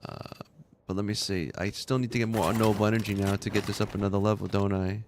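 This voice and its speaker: Low, gravelly man chatting on stream. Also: fairly even intonation, fast talker, background noise. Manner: rambling, laughing anecdotes, many restarts. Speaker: game streamer. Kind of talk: casual chat with stream viewers while gaming. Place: his room at home.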